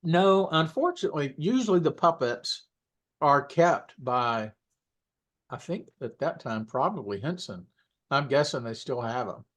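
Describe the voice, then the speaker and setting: A man, a puppeteer, telling stories in a casual interview. He rambles and corrects himself, often clearing his throat and coughing between thoughts. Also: mid-range voice, sing-song, a little slow, a bit bright. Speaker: puppeteer guest.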